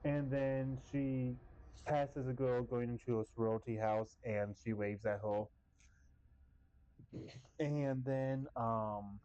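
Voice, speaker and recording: A tired young man co-hosting a podcast, recapping slowly with lots of ums. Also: medium pitch, dark tone, highs cut off. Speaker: podcast co-host. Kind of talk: casual chat.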